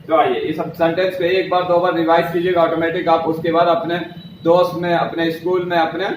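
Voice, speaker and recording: A man teaching an English lesson in a fairly high voice. He goes over each sentence slowly and more than once, moving between Hindi and English. The room is echoey, with a faint hum of noise behind him. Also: flat delivery.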